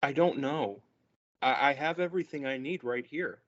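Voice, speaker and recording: At a play table read, a man with a natural, medium-pitched voice and a moderate pace reads a naive, sheltered young man. He sounds earnest, wide-eyed, hesitant and stammering. The recording is muffled and lo-fi in an echoey room.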